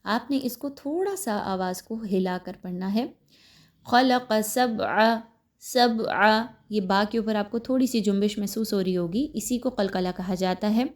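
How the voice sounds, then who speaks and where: A woman with an Urdu accent teaching Quran recitation, explaining the rules step by step and pausing to check that listeners have understood. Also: mid-range voice, warm tone. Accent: Pakistani Urdu. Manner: explains step by step, then recites slowly and drawn out; checks understanding with repeated "clear?". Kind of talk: recorded recitation lesson.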